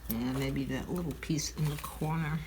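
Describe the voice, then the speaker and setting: At a craft table in her home, an older woman with a low, slightly stuffy voice talks at normal speed in a steady tone. As host of a relaxed craft tutorial, she chats and thinks aloud while working, and the crinkle of craft materials is audible.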